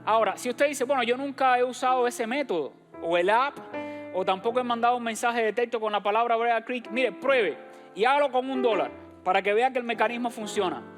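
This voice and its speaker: A man's voice: very high-pitched, a little fast, soft background music. A man from Cuba, a pastor giving church announcements and direct, encouraging appeals to his congregation. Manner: direct and encouraging, addresses the congregation as brothers and sisters. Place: church sanctuary.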